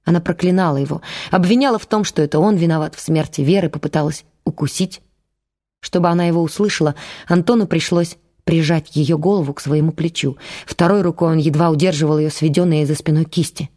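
Female narrator, lowish mellow voice, measured and dramatic reading. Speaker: audiobook narrator. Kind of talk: scripted audiobook narration.

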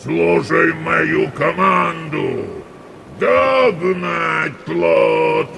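An actor playing a brutal, greedy ghost pirate captain in a children's audio drama, a cruel taskmaster barking orders and threats in a gravelly voice. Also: male voice, a little high, drawn-out words, pushed and bright, slight background noise, heavily acted. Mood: commanding, greedy.

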